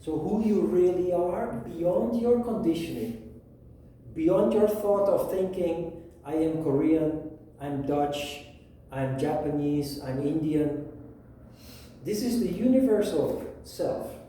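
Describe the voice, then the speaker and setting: A man teaching a yoga philosophy lesson, explaining at a whiteboard in a measured way with pauses. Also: a little high, lively intonation, dark tone, slight background noise. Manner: slow, measured, with pauses and restarts. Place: room with a whiteboard. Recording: echoey room, mic at a distance.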